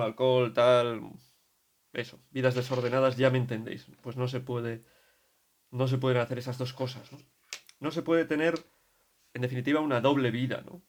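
A priest in his thirties with a Spain Spanish accent gives a spoken meditation in an everyday, chatty way. He wanders off on asides and often corrects himself mid-sentence. His voice sits at a middle pitch. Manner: conversational, digressive, self-correcting.

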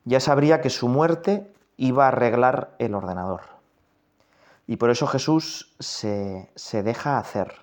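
A man's voice: mid-range voice, a little slow. Man, Spain Spanish accent, prayer leader; reflective guided meditation, talks straight to the listener. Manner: reflective, addresses listener directly.

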